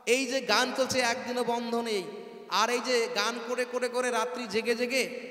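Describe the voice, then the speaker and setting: A hoarse man with an unusually high voice talks to an audience from a folk stage, joking and chatting. His voice is carried on a PA into a big echoey space with a long reverb, and faint music sits behind him. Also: flat delivery, moderate pace, bright, forceful tone. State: hoarse from nights of singing. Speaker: folk stage performer in a sung debate. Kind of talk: stage patter to an audience over a PA.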